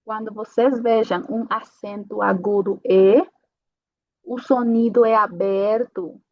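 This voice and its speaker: A woman's voice: medium pitch, steady tone, slow pace, no room sound, muffled recording. A woman teaching a pronunciation lesson. She explains step by step and checks in with her learners after each point. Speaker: language teacher.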